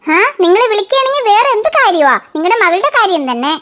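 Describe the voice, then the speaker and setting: A fussing cartoon mother, played by a woman who scolds in an exasperated way. Her voice sits extremely high and squeaky, almost childlike. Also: big pitch swings, fast talker, a bit bright, exaggerated voice. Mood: complaining. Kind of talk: cartoon voice acting.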